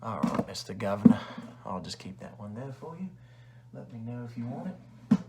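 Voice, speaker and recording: A man's voice: medium pitch, lively intonation, moderate pace, vocal fry, heavy background noise. A man playing a rude, condescending librarian who sells used books, in an ASMR role-play with chummy but insulting salesman-like patter. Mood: casual, pitching. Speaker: ASMR performer.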